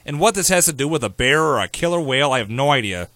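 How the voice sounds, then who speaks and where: A man's voice: medium pitch, animated, fast talker, fairly bright tone, dry recording. A man hosting a talk radio show, ranting in a sarcastic, opinionated way.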